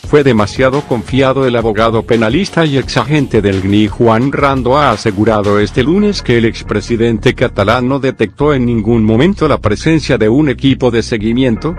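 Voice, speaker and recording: A man's voice: mid-range voice, normal speed, soft background music. A man giving a scripted news narration, reading the text evenly and word for word. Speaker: news reader.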